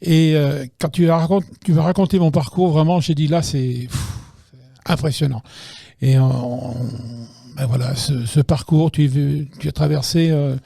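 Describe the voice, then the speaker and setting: A man co-hosting a talk show, introducing his guest warmly and hesitantly, with many pauses and restarts. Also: on the high side, steady tone, gravelly, breathy edge, dry recording, clean studio sound. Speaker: show co-host interviewing the guest. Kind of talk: casual talk-show interview. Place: studio.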